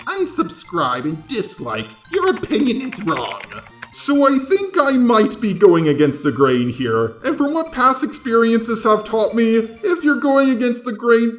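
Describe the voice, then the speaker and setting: Unhurried yet barely pausing, a man with a high voice and wide pitch swings hosts a video essay, reading scripted commentary in an emphatic, sarcastic, incredulous tone. Background music sits behind him in an echoey room.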